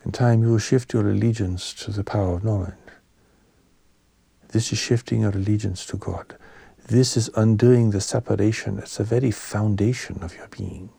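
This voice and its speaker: A man whose pitch is fairly low gives a gentle, calm and solemn spiritual sermon as a teacher. He talks in measured short phrases, his soft voice becoming breathy at their ends, with no echo in the recording.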